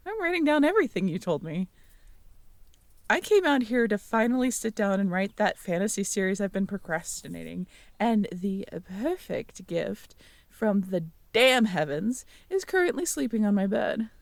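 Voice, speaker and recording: In an ASMR audio roleplay, a young woman plays the listener's girlfriend, shifting between playful teasing and soft, caring moments. Her medium-pitched voice swings widely in pitch, her pace is measured, and there's no room sound.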